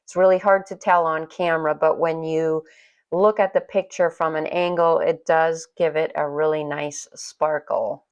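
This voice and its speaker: A middle-aged woman talks through a watercolor tutorial in a relaxed, chatty voice-over, sitting a little low in pitch. She pokes fun at herself as she goes. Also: normal speed. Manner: chatty, self-deprecating, laughs at herself. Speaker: watercolor painting instructor.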